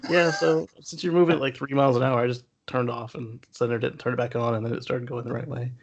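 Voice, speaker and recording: Co-hosting a show, a man casually goes over the news in a gravelly, roughly mid-pitched voice with a steady tone. His delivery is halting, and the lo-fi sound is somewhat dull.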